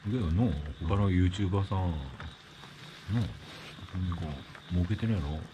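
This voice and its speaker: A man's voice: deep voice, moderate pace, dull audio. A man chatting casually in colloquial dialect over food and drinks. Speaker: vlog participant. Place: inside a tent. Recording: noisy ambient tent recording.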